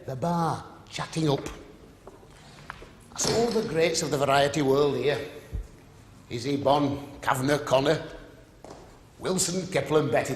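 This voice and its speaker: A man's voice: mid-range voice, slight background noise. Older man reminiscing in an echoey hall. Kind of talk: nostalgic reminiscence to camera. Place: large old variety theatre indoors. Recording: echoey empty theatre hall.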